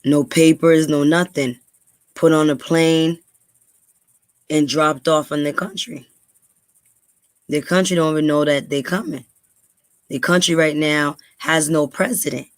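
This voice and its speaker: A woman's voice: sits low, steady tone, unhurried, long pauses, dry recording. Dry-voiced New woman talking. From New York, USA. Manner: conversational, frequent ums, speeds up when stressing points. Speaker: podcast host. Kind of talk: casual commentary and reading aloud.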